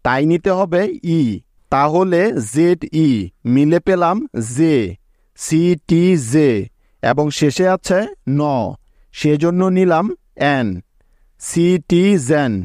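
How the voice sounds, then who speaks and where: A male teacher giving a spelling lesson, who spells out words slowly, letter by letter. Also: on the high side, darkish tone, no room sound, studio quality. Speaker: English teacher.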